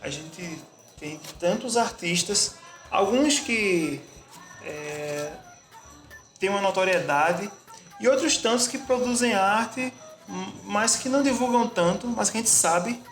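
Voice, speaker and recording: A man from Bahia with a Bahian accent, answering interview questions in a reflective, pausing way with frequent restarts. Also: high voice, a bit bright. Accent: Bahian Portuguese. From Bahia, Brazil. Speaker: interviewed artist and musician. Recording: echoey room with music behind.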